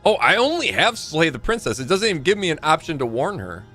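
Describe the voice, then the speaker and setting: Animated, high-pitched male game streamer. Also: fast, faint music behind. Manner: playful, reactive, exclamatory. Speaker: live streamer. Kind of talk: casual game commentary.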